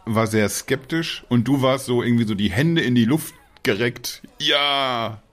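A man's voice: mid-range voice, normal speed. A man co-hosting a podcast, chatting casually and jokingly with some hesitant restarts, calling in from home. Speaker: podcast co-host. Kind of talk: casual chat. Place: home in Dortmund, remote.

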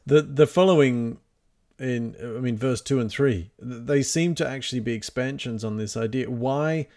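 A man's voice: mid-range voice, moderate pace, a little mellow. Analytical man reflecting on scripture. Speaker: Bible study participant. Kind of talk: reflective group discussion.

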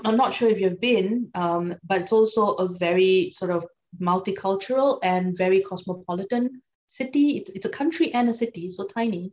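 A Singaporean law lecturer, guesting on a podcast, answers interview questions thoughtfully in a medium-pitched, slightly mellow voice, often using fillers and restarting sentences. The recording has a dull, lo-fi quality.

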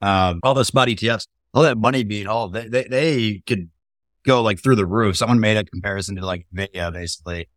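A low-voiced man hosts a casual talk about stocks, circling through his questions with plenty of "uh" and "like." The recording is dry and close. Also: brisk, no echo. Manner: rambling questions, hesitant fillers. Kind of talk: casual investing discussion.

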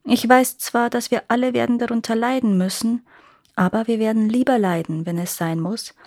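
Woman doing a young girl in a fairy tale, calm, firm, steady. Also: on the high side, normal speed, no echo, clean studio sound, lightly acted. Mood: resolute.

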